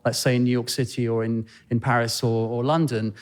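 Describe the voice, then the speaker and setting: A man speaks as a podcast guest in a relaxed, thoughtful way. He often pauses and restarts his sentences. His pitch sits in the middle range for a man. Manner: thoughtful, hesitant, many fillers and restarts. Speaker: podcast guest, fashion designer. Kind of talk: conversational interview answers. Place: penthouse room in Manhattan.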